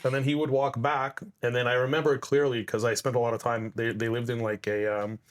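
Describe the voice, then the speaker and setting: A man from Ukraine, a podcast guest in his thirties, speaks at an ordinary middle pitch. He tells family memories in a reflective, unhurried way and often restarts his phrases. This is relaxed conversation. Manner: reflective storytelling with frequent restarts. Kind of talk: casual conversation.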